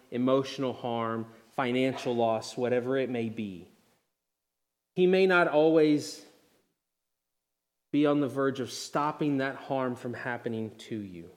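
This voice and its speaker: A male pastor preaching a sermon, earnest and direct, dropping to near-hushed lines and then rising loud and emphatic. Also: medium pitch.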